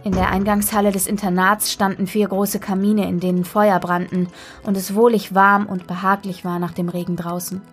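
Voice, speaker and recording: A woman narrating a children's story in the first person, expressive and lively. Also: medium pitch, moderate pace. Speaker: audiobook reader. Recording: soft background music.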